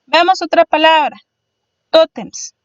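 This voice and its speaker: A woman's voice: very high voice, slow pace, no echo, highs cut off. A woman teacher explaining spelling rules patiently, step by step, like a voice-over lesson.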